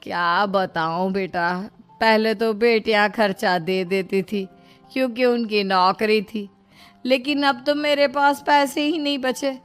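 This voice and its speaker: A woman voicing a middle-aged mother-in-law in a moral story cartoon, deliberate and admonishing, caring but scheming. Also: medium pitch, steady tone, clear, resonant tone, soft background music, close to an everyday voice. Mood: worried, lamenting.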